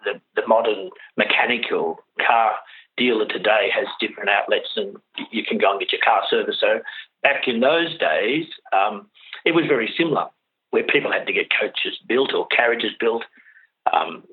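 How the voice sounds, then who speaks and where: Australian man, fairly low pitch, halting informal explanation, repeated words, muffled lo-fi interview audio. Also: animated. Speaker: interview guest, carriage driver. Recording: dull lo-fi radio-like audio.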